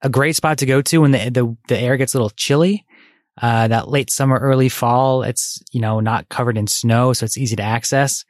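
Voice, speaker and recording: A man's voice: mid-range voice, fairly even intonation, fairly quick, no echo, clean studio sound. A man co-hosting a casual podcast in an easygoing, friendly way. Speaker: podcast co-host. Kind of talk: casual chat.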